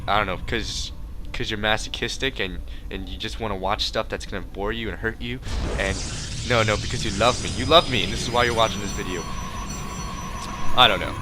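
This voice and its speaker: A man's voice: mid-range voice, noisy background. A man with a congested, stuffy nose who breathes through his mouth, doing casual, rambling game commentary with joking, self-deprecating asides. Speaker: esports match commentator.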